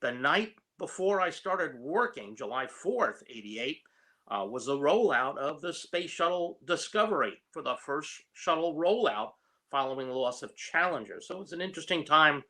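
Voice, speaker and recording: Older man in his seventies, bright clear voice, unhurried with ums, telling his career story. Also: medium pitch. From New York. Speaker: guest, retired space engineer.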